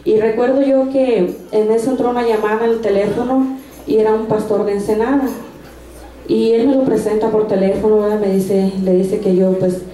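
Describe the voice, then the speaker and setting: A woman's voice: medium pitch, fairly even intonation, moderate pace, warm tone. A woman giving a personal faith testimony at a church service, telling it earnestly with frequent restarts. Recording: echoey room sound.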